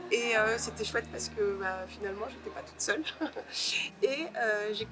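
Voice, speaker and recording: A woman novelist answering interview questions in a thoughtful way, pausing often to search for her words. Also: mid-range voice.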